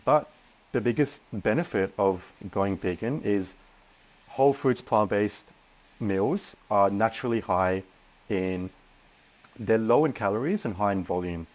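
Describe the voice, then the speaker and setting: Earnest man, lower voice. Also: unhurried. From Australia. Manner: earnest, animated, frequent restarts. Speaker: guest. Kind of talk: casual podcast interview.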